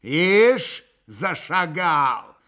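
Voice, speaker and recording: A man's voice: high-pitched, expressive, slow, pitched above the performer's own voice, full character voice. A man voicing a proud, imperious young woman who snaps and scolds. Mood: imperious, scolding. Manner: sharp, scolding, commanding.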